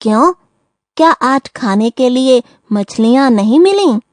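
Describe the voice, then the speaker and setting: A woman voicing a crafty male tortoise in a school audio drama, speaking clearly in a high voice. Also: lively intonation, unhurried, no room sound, studio quality. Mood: friendly.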